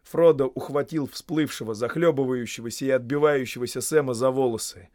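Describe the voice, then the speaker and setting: A man narrating a fantasy audiobook in a measured, steady storytelling manner. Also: mid-range voice, no room sound, clean studio sound.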